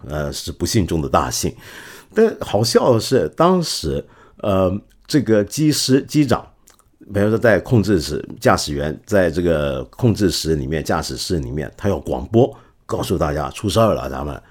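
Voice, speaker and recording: A middle-aged man hosting a podcast, telling stories in a casual, animated way and acting out the quotes. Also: sits low. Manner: animated, acts out quotes with laughs. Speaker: podcast host. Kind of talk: casual storytelling talk.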